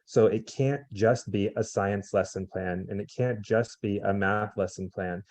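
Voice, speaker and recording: A man, a veteran teacher, calmly explaining lesson plan requirements in a webinar over a video call. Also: fairly low pitch, measured pace, no room sound. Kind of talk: webinar briefing.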